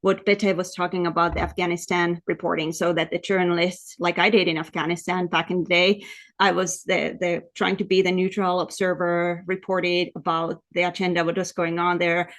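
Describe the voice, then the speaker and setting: With a lowish voice and flat delivery at normal speed, a woman from Lapland, Finland, lectures like an academic over a video call. She's a researcher presenting at a webinar, explaining with a Finnish accent and often repeating words.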